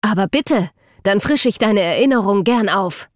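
A woman voicing a furious young woman who feels betrayed, shouting accusations bitterly. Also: medium pitch, expressive, normal speed, no room sound, clean studio sound, voice pushed up, lightly acted. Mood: cutting.

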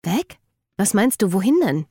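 A woman's voice: mid-range voice, big pitch swings, measured pace, dark tone, breathy edge, dry recording, studio quality, voice pushed up, full character voice. A woman reading the part of an anxious, impatient teenage girl in an audiobook, pleading and demanding answers. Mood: shaken.

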